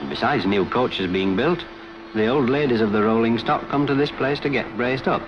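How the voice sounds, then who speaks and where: A man's voice: mid-range voice, moderate pace, background noise. A man narrating a scripted 1950s documentary as a railway official, in a conversational, wry storytelling way. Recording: dull 1950s film soundtrack with music.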